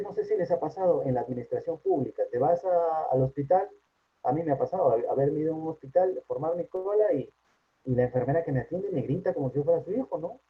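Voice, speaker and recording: A man's voice: fairly high pitch, slightly rough. Man, Peruvian Spanish accent, psychologist, informal lecture, chatty tag questions, phone-like sound. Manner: conversational, frequent tag questions. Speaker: psychologist giving a workplace talk. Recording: tinny phone-like line.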